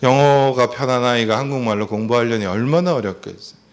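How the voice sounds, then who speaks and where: A man's voice: mid-range voice, brisk. A middle-aged man giving a family seminar lecture, telling personal stories with animation and putting questions to the audience.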